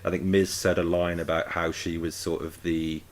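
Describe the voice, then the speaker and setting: A man with a very low voice hosts a relaxed chat show and hands the turn to each guest. He often repeats words while he thinks. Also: normal speed. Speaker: podcast host. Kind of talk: casual chat, wrestling predictions.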